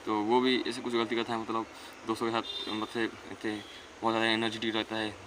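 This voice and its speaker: A man's voice: fairly low pitch, monotone, brisk, background noise. A teenage boy giving earnest, rambling self-improvement advice in a casual monologue. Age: teens. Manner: earnest, rambling, repeats himself.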